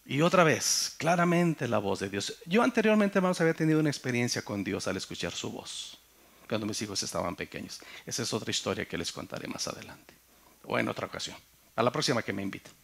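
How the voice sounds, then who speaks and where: A middle-aged man with a Mexican accent, a pastor telling his testimony in a sermon, swinging between loud and hushed. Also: medium pitch, very animated, quick pace, creaky. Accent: Mexican Spanish.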